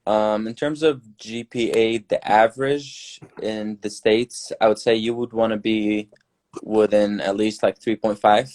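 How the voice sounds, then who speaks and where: Young guy from syria, mellow dark voice, chill earnest advice on a podcast. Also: fairly low pitch, measured pace. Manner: earnest, relaxed, advice-giving. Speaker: newly graduated dentist guest. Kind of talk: casual podcast chat.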